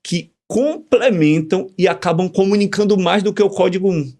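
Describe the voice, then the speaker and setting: A man explaining ideas in a casual podcast conversation, animated and teacherly, full of examples. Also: sits high, normal speed. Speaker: communication guest.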